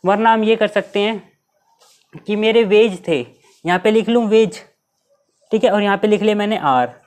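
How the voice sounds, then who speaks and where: A male teacher giving an exam-prep math lesson, explaining each step and asking his students rhetorical questions. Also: high voice. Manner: reads English questions slowly, mixing Hindi and English.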